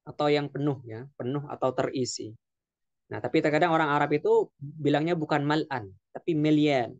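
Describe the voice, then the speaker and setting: A man teaching an Arabic vocabulary lesson, explaining slowly and repeating words with frequent fillers. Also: on the high side, darkish tone, no echo, muffled recording. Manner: slow, repetitive explaining with frequent "ya". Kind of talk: classroom lesson.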